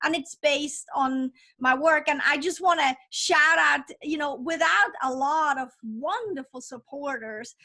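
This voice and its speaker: A woman's voice: sits high, unhurried, few pauses, pushed and bright. A woman author, not a native English speaker, talking with upbeat enthusiasm as a podcast guest. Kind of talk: casual interview chat.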